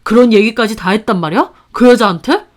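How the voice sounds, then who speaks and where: Obsessive middle-aged husband put on by a woman narrator, defensive, snapping, quick to shout, read-aloud story. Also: mid-range voice, natural voice. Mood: angry.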